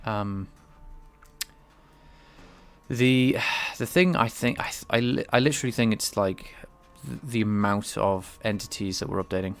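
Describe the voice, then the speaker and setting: A game developer streams himself live-coding his game engine, thinking aloud casually in a hesitant way with many restarts, his voice a bit stuffed-up and nasal from a cold. It's fairly low in pitch and measured, with vocal fry and soft music in the background.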